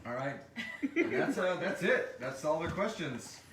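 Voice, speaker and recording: Fairly high-pitched with big pitch swings, a measured pace and a fairly bright tone, a man who hosts and created a podcast jokingly reads out listener questions during a casual live Q&A. Background noise fills the roomy, echoey live recording.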